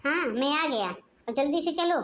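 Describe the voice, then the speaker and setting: A woman's voice: high-pitched, animated, a little slow, a bit bright, a little hiss or hum. A woman voicing a short-tempered, suspicious young husband and son-in-law in a cartoon, talking in a curt, scolding way. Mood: angry.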